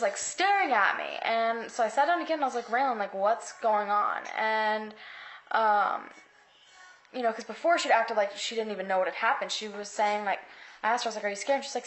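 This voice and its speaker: A woman's voice: a little high, roomy sound. A woman vlogging at home, telling a story to the camera in a tense, rambling way, full of "like". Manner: tense, rambling, heavy use of "like".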